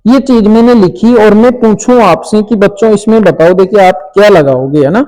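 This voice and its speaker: A man teaching an English grammar lesson to children, explaining slowly and checking in often. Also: high-pitched, mellow, rough recording.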